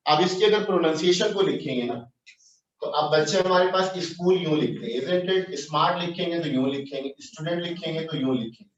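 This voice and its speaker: A man's voice: fairly high pitch, brisk. A man from Pakistan giving an English grammar lesson in a classroom, peppering it with questions to his students. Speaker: English teacher. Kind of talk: classroom lecture, mixing English phrases into Urdu. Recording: dull, roomy, distant online class audio.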